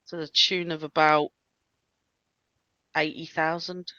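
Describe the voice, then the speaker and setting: A woman's voice: deep voice, flat delivery, pushed and bright, no room sound, muffled recording. Woman running a tabletop game. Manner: laughing, halting, lots of fillers. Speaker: game master.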